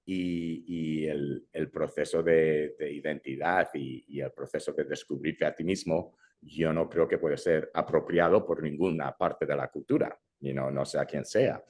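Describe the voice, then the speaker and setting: A darkish bass voice, measured and fairly flat in intonation, runs with hardly any pauses. The speaker is a young Brazilian filmmaker raised in Madrid, a casual interview guest prone to English fillers and sentence restarts.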